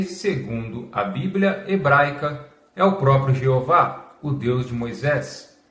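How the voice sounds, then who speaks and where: A Brazilian man hosting a scripted explainer in a formal, measured lecturing manner, reading out as if dictating. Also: a little high, fairly bright tone. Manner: measured, formal reading that announces quotation marks aloud, as if dictating. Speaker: host of a religious history channel. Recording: echoey, reverberant room.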